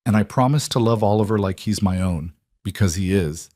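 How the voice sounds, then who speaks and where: A man's voice: on the low side, a little fast, darkish tone, dry recording, clean studio sound, close to an everyday voice. Man reading as an earnest businesswoman bride. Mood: tender. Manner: earnest, heartfelt. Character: determined successful businesswoman making wedding vows.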